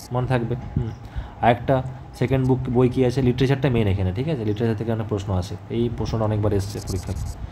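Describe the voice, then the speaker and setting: A man teaching an exam-prep history lesson in a conversational way, often pausing to check that students follow. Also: mid-range voice, mellow, a little hiss or hum. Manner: conversational, repeats "ঠিক আছে?" as a check-in, many fillers.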